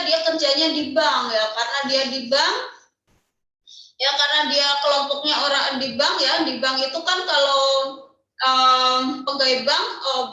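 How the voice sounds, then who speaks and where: A woman's voice: high-pitched, bright, forceful tone, very echoey, distant mic, rough recording. A woman teacher giving an online class lecture, explaining step by step and answering her own questions.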